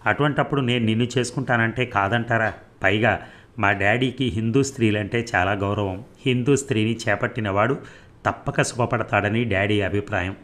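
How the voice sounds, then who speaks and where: Confident young male lover, boastful, insistent, low voice, storybook romance, read by a man. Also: a bit bright, lightly acted. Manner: insistent, self-assured.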